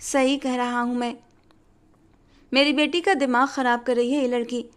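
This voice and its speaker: A woman's voice: high voice, steady tone, normal speed, clear, resonant tone, lightly acted. A woman voicing an angry young father who speaks in a cold, clipped, threatening way while telling a story. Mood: cold anger.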